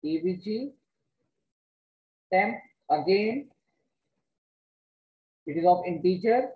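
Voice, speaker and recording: A woman teacher with a North Indian accent gives a step-by-step online lesson. She speaks slowly and haltingly, often repeating words. Her voice rings in an echoey room. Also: fairly low pitch, expressive, narrow, tinny audio. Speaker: computer science teacher. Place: indoors, online class with screen share.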